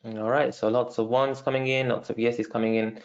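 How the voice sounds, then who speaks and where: A London man with a London accent hosts a live online marketing webinar, selling in a casual way, packing his talk with fillers and calling his viewers "guys." His voice is medium in pitch with little rise and fall, and he keeps a moderate pace. The audio is lo-fi.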